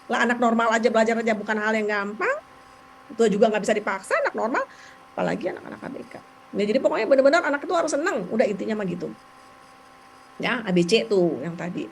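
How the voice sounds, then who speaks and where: Chatty woman explaining with a raised pitch. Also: creaky, slight background noise, rough recording. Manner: chatty, animated, with quick laughs. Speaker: parent explaining ABA therapy. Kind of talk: casual explanatory talk.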